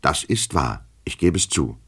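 A pompous, touchy petty official in a radio reading, speaking with stiff formality and wounded pride, as a male reader voices him. The voice sits extremely low and has a husky edge. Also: animated, unhurried, exaggerated voice. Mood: pompous indignant. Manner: stiffly formal, indignant, self-important.

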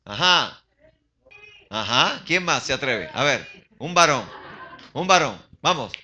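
An older man preaching a sermon in a church, animated, asking his congregation questions and slipping into English phrases. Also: mid-range voice, slow, a little hiss or hum. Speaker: pastor.

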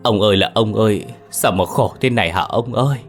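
Narrator putting on a weeping, grief-stricken grandmother in a spoken ghost story, low voice, louder than his narration. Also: a little fast, soft background music, natural voice. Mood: wailing. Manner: sobbing lament.

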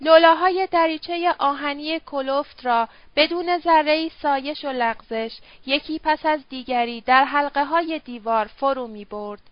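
A woman narrating an audiobook in a steady, measured reading. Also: high-pitched, no room sound. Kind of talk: scripted narration. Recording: dull dry lo-fi audio.

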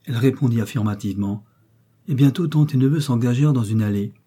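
A man reading a novel aloud as audiobook narrator, in a measured, steady manner. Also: medium pitch, husky. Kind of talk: scripted narration.

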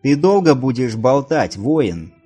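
A haughty, seductive woman with a scornful tongue, as a male audiobook reader puts her on. Her voice stays mellow and dark while she looks down on everyone around her. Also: medium pitch, sing-song, slow pace, slightly rough, soft background music, heavily acted.

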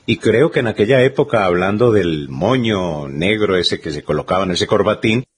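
A man's voice: low voice, lively intonation, normal speed, slightly rough. A man co-hosting a radio show, polite and careful as he reads out details. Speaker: radio co-host. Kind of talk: conversational radio commentary.

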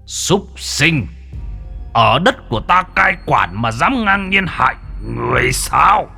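A man's voice: fairly high pitch, big pitch swings, slow, creaky, bright, forceful tone, husky, soft background music, pitched above the performer's own voice, heavily acted. A man voicing a wrathful male guardian spirit, scolding in a commanding tone.

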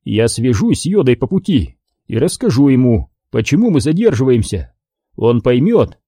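Qui-Gon, a man as a calm mentor. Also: mid-range voice, normal speed, husky, no echo, clean studio sound. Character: calm older male mentor, steady and wise.

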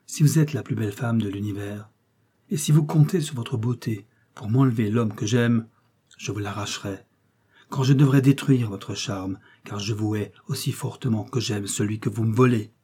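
A man's voice: medium pitch, moderate pace, warm tone, slightly rough, lightly acted. A man voicing a jealous, furious young woman who hisses her threats in an audiobook. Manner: hissing, spiteful, menacing. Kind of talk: audiobook character reading.

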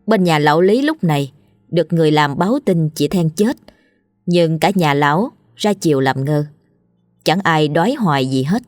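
A woman storyteller narrating a scripted ghost story in a steady, grave way. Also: sits low, moderate pace, no room sound, clean studio sound, soft background music.

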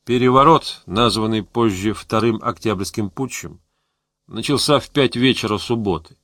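A man narrating an audiobook in a measured, steady reading voice. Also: lowish voice, no echo, studio quality. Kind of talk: scripted narration.

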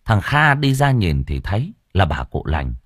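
A man narrating an audiobook in an expressive, animated way. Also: low voice, measured pace, slightly rough, dry recording, clean studio sound. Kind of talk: storytelling narration.

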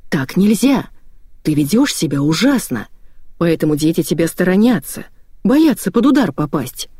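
A woman voicing a weary, stern elderly grandmother who scolds calmly. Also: fairly low pitch, normal speed, husky, no room sound, clean studio sound.

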